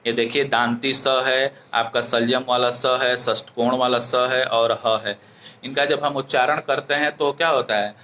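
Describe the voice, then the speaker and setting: Male tutor, bright forceful voice, faint hiss behind, patient step-by-step exam coaching. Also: medium pitch, fairly even intonation, unhurried. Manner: explains step by step, keeps asking "ठीक है?". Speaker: teacher. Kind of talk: exam-prep grammar lesson.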